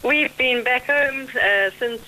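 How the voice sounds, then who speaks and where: A woman's voice: high voice, slow pace, sharp tone, rough recording. A woman with a South African accent calling a radio show, telling her story hesitantly with many ums. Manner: hesitant, full of ums, laughs easily. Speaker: caller. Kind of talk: phone-in call.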